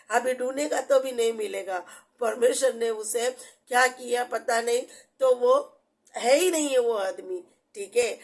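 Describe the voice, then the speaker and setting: A woman's voice: fairly high pitch, a little mellow. A woman giving a personal faith testimony, earnest and repetitive, with frequent restarts. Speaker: church member giving testimony.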